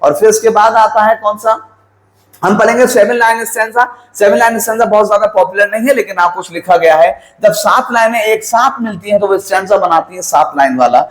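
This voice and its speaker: A man with a high voice speaks fairly quickly over poor audio while teaching a poetry lesson. He poses questions and answers them himself, counts out rhyme schemes letter by letter, and mixes in English terms.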